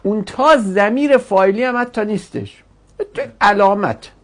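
A man teaching Arabic grammar in a classroom lecture, explaining forms step by step and repeating them slowly for students. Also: high voice, a bit bright.

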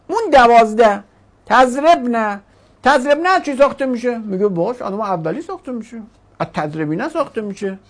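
Woman teacher going through grammar, lively up-and-down voice, makes the word forms talk like little characters. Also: medium pitch. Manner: poses questions to the class and answers them. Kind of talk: grammar lesson.

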